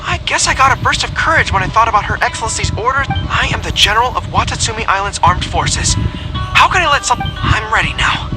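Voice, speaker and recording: A flustered but dutiful young anime game general speaks in a very high voice. He hesitates and stammers earnestly, with lively pitch over music. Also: a little fast, low-quality recording. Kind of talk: scripted anime-style game acting.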